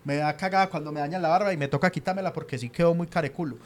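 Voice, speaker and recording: A man's voice: a little high, rapid-fire. A young Colombian man from the Medellín area, co-hosting a podcast and joking his way through a casual rant. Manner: ranting, joking, laid-back slangy talk. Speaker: podcast co-host. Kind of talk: casual comedic chat.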